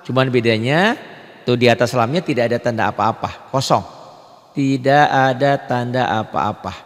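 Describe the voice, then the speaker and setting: A man's voice: medium pitch, normal speed, in a large hall. A man teaching Quran recitation rules to beginners, explaining patiently, repeating points and asking rhetorical questions. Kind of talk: tajwid lesson for beginners.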